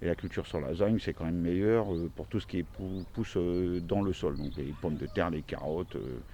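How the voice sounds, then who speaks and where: A man's voice: low voice, moderate pace, mellow, slight background noise. A man in his forties from central France with a regional accent, chatting casually in his garden, rambling with many fillers and restarts. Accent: central French regional. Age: 40s. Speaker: gardening YouTuber. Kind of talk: casual self-introduction video. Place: outdoors in a small vegetable garden.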